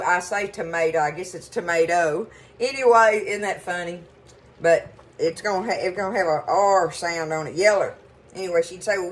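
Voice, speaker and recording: A woman's voice: medium pitch, low-quality recording. Chatty woman cooking at home. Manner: chatty, folksy, rambling storytelling. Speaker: cooking show host. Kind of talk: casual cooking demonstration. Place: home kitchen.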